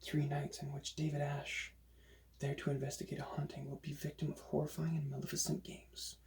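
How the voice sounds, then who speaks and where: A man doing a whispered role-play as a librarian recommending books, in a hushed, breathy library whisper. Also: a little high, completely flat delivery, a little fast.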